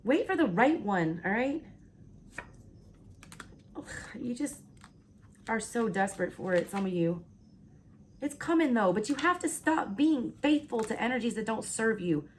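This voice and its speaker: A woman's voice: on the high side, a little hiss or hum. A woman with a Southern US accent giving a blunt, casual tarot reading, swearing freely and checking in with "all right?" while hiccuping. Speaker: tarot reader.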